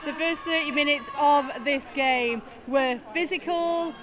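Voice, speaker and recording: A Northern English woman calls a roller derby bout with a high, bright voice. She keeps up friendly, chatty banter and laughs easily between plays. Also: measured pace, crowd noise. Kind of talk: live sports commentary.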